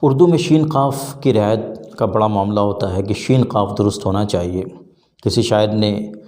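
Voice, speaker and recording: A man giving a measured spoken lesson on pronunciation, slowing down to sound out letters. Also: on the low side, darkish tone, reverberant. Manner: measured, explanatory, slows to spell out letter sounds. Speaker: Urdu pronunciation teacher.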